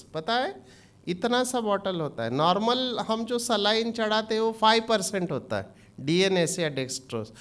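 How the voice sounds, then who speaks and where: A man's voice: high voice, fairly bright tone. A man who is a doctor giving an informal training lecture, often quizzing his audience with questions.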